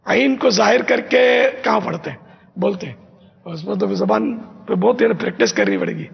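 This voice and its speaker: An older man, a religious scholar from Pakistan, gives an emphatic teaching talk to a gathering and repeats phrases slowly as pronunciation drills. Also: high-pitched, sing-song, vocal fry, slightly rough. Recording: echoey hall, dull lo-fi sound.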